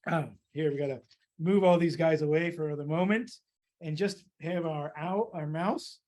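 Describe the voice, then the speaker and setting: A woman reading a children's story aloud and drawing along, lively and laughing, jumping into small character voices. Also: sits low, normal speed. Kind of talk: storytime read-aloud for kids.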